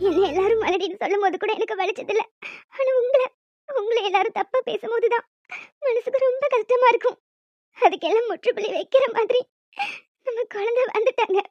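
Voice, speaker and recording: A woman voicing an emotional young wife in a cartoon story, high and childlike, breaking into sobs. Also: a little fast, no room sound. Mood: tearful joy. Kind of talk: cartoon voice acting. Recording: dull lo-fi audio with faint music.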